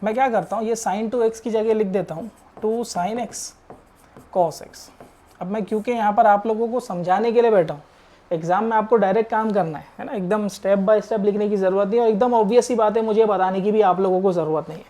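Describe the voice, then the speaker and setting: Mellow-voiced male maths teacher. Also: high-pitched, fairly quick. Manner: explains step by step, with frequent rhetorical questions; mixes English maths terms into Hindi. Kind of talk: recorded online lecture.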